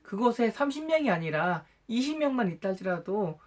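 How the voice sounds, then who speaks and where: A man's voice: high-pitched, very animated, fairly quick, pitched above the performer's own voice. A man voicing Abraham, an old man who pleads humbly and earnestly, in a Bible storybook reading. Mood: pleading.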